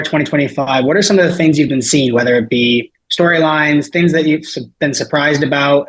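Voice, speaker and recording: A man hosting a podcast, asking his guest questions in a casual, slightly halting way. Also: mid-range voice, fairly bright tone, husky, poor audio. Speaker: podcast host.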